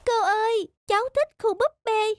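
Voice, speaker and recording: A performer voicing a gentle, obedient young girl in a children's cartoon, speaking in a polite, soft-spoken way. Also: very high-pitched, normal speed, a little hiss or hum, pitched above the performer's own voice.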